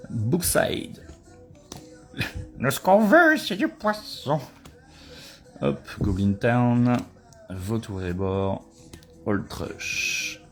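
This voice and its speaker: Excitable man opening card packs. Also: lowish voice. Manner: excitable, swears and shouts when he pulls a good card. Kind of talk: casual live booster-opening chat.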